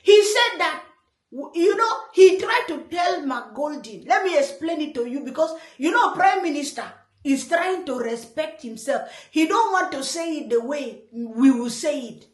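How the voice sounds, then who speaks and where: Lively high-voiced Nigerian woman commentator. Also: normal speed. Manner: animated, laughs often, playful teasing. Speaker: online commentator. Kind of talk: reaction commentary. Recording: roomy echo.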